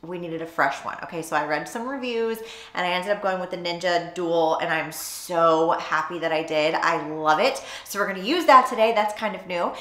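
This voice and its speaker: A woman's voice: fairly low pitch, normal speed, fairly bright tone. Chatty woman vlogger in an echoey kitchen. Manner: chatty and upbeat, thinking aloud. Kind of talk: casual meal-prep chat. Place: home kitchen. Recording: echoey room with faint ambience.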